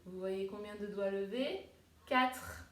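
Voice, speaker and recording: A woman preschool teacher giving a home video lesson to young children, slow and gentle, sounding out words syllable by syllable, recorded on a tablet at home in the countryside. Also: mid-range voice, lively intonation, distant mic. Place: countryside home, flies around. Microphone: tablet camera. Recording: roomy tablet recording with faint ambience.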